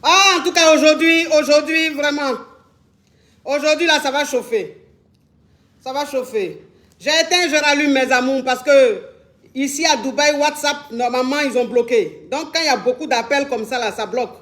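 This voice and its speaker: Live-streaming casually from her phone in Dubai, a woman chats at a moderate pace in a high-pitched, fairly bright voice. She promotes a product and fields calls, repeating herself often and addressing viewers with affection.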